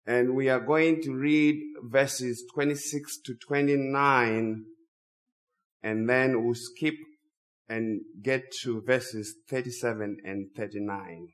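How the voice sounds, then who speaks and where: A man with a cold, originally from Zimbabwe and not a native English speaker, gives a sermon as a visiting preacher. His voice is medium in pitch and steady, and he drags out his words slowly for emphasis.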